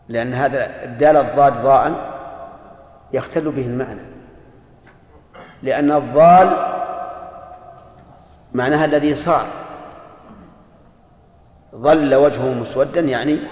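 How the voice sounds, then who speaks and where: A man with a Najdi Saudi accent teaching a religious text to a class, explaining deliberately and putting questions to his students. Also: medium pitch, darkish tone. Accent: Najdi Saudi Arabic. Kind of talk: classroom lecture explaining a book. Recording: echoey hall with long reverb.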